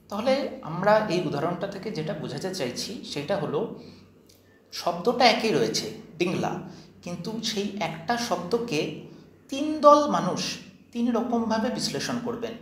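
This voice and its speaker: A man giving a slide lecture, explaining step by step and posing questions before answering them. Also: high voice. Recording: echoey room with faint noise.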